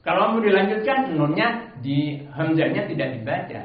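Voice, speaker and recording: A higher-pitched man leads a Quran recitation lesson in a prayer room, explaining rules and then chanting verses slowly. The sound is heavily echoey and thin, like a phone line. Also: expressive. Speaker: Quran teacher.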